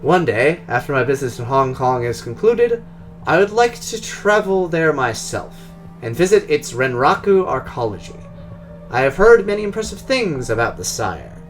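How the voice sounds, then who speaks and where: The character is a polished Russian drone engineer, guarded and formal, whose speech is measured and precise with a Russian accent. A man voices him in a mid-range voice, acting only lightly.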